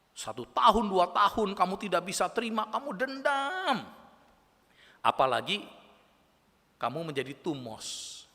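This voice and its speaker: A man's voice: a little high, sharp tone, big-room sound. A man preaching a playful youth sermon who keeps asking the audience questions. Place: church, live-streamed service.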